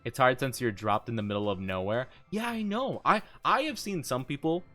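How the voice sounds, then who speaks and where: A man livestreams a game in a casual, chatty way. His pitch moves in lively swings and he giggles easily. Music plays behind his upbeat commentary. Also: normal speed.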